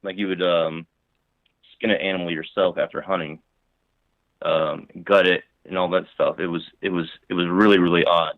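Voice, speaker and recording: A man's voice: low-pitched, fairly even intonation, dry recording. Lisping male caller on a tinny phone line. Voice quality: slight lisp from a broken front tooth. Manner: halting, repeats words, restarts. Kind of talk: telling a paranormal story on a call-in show.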